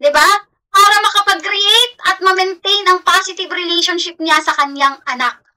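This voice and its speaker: A woman's voice: very high-pitched, normal speed, sharp tone, rough recording. A Filipino woman teacher giving a class lecture, switching between Tagalog and English and often checking in with the listeners.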